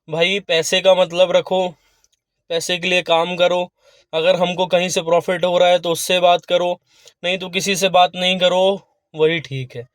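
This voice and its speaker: A man's voice: fairly high pitch, fairly bright tone, dry recording, clean studio sound. A man vlogging from his car, talking earnestly and pleading again and again with his viewers. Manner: pleading, repetitive, appeals to "bhai" and "dosto". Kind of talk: earnest talk to camera.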